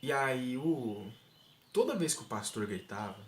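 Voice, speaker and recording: A man's voice: medium pitch, a little slow. Young guy telling a funny story, voice jumps all over, echoey room. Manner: animated, laughs through the story, acts out scenes. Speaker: storyteller vlogger. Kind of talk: comic personal anecdote. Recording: roomy echo, faint noise.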